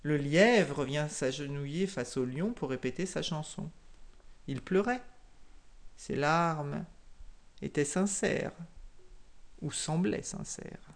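Slow, measured storyteller woman. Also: deep voice. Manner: slow, measured, dramatic pauses. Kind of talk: oral folktale narration.

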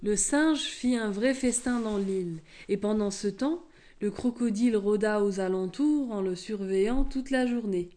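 A woman storyteller reading a children's tale aloud in a calm, measured way. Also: mid-range voice.

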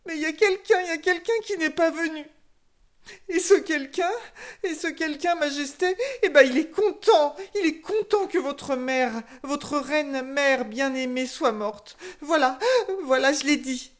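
A storyteller voicing a sly male warthog who tattles to the king, wailing high and loud with fake sobs. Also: a little slow.

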